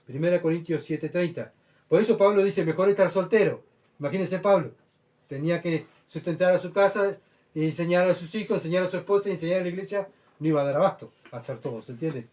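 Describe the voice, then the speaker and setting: A man's voice: sits high, fast talker. Emphatic man preaching. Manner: earnest, emphatic, rhetorical questions; swings between loud bursts and quiet asides. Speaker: pastor. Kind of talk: sermon.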